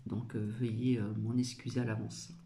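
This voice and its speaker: A man's voice: medium pitch, flat delivery, normal speed, mellow. A man hosting his channel in a casual chat to viewers, hesitant and full of filler sounds, mumbling his words at times. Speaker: channel host.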